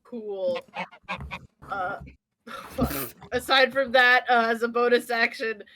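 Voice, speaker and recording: A woman's voice: a little high, slow pace, background noise. A woman playing a tabletop game, hesitant and full of fillers, with casual swearing. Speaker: player.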